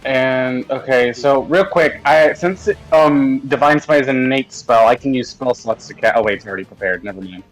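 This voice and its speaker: A man's voice: mid-range voice, normal speed, hardly any pauses, low-quality recording. A man playing a tabletop game, chatting casually, hesitantly thinking aloud and joking. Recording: music playing behind. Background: background music.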